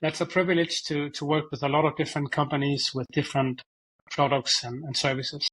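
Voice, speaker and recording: A man's voice: a little high, flat delivery, fairly quick, a bit bright, slight background noise, low-quality recording. A man from Denmark, a guest expert answering interview questions in a hesitant, word-repeating way. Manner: hesitant, repeats words while thinking. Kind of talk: conversational interview.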